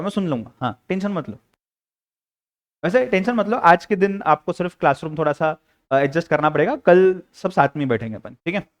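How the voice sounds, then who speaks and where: A young man with an Indian accent runs a live classroom lecture, his voice pitched high for a man. He swings his pitch widely, playfully coaxing students to speak up and answer. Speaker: teacher.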